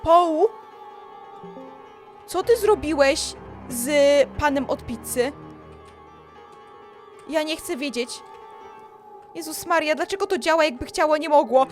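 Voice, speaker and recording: A woman with a very high, lively voice that leaps around as she commentates a horror game. She swings between easy chatter and panicked, shrieking pleas, and faint game music runs underneath her. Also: slow pace, pauses often. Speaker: gaming YouTuber.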